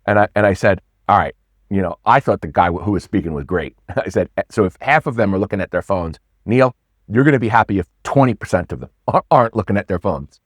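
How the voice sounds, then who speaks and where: A deep-voiced man appears as a pitch coach guest in a casual interview, talking quickly with no echo. An English speaker whose first language isn't Swedish, he's animated, repeats words and stresses them lively.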